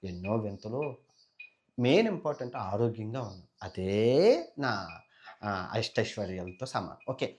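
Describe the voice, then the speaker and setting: A young adult man, a travel vlogger, telling an epic story in an animated, dramatic way. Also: lowish voice, a little slow, pauses often. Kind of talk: storytelling vlog.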